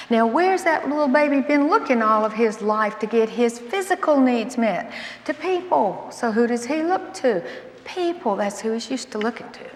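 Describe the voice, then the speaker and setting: A woman in her sixties with a Southern American accent tells stories from her own life in a folksy, animated teaching style. Her voice sits a touch high. It rings through a large hall with a long, echoing tail. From Alabama. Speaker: Bible teacher. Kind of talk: storytelling talk. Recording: echoey hall with long reverb.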